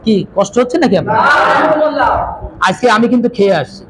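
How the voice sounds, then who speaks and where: A man teaching a Quran reading class, drilling letter rules loudly and having the students repeat after him. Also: high voice, steady tone, a little fast. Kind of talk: classroom teaching with call and response. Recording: loud room noise and crowd.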